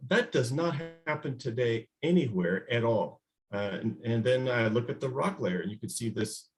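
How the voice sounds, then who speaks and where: A man's voice: mid-range voice, expressive, soft background music. Male guest scientist, slide talk over a video call mic; hesitant delivery, frequent ums and restarts. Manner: halting, many fillers and restarts. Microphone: video call microphone.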